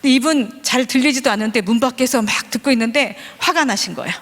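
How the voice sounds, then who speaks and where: High-voiced woman preaching in a hall. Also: quick pace. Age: 40s. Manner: lively, joking with the congregation. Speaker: preacher, vice principal. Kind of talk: sermon with humorous storytelling. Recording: long hall reverb.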